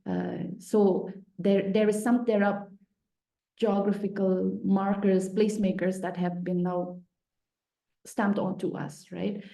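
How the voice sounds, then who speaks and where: Woman from Nagaland, author on a panel call, with a dark, gravelly voice and halting, thoughtful phrasing in a roomy echo. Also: medium pitch, little pitch movement. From Nagaland, Northeast India. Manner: halting, thoughtful, many restarts, laughs often. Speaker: author and speaker. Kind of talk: online panel talk.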